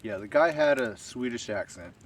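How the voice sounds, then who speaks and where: A man telling a long story to camera in a rambling, unhurried way, full of fillers. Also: fairly low pitch, expressive. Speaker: stealth camping vlogger. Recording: distant outdoor camera audio with faint ambient noise.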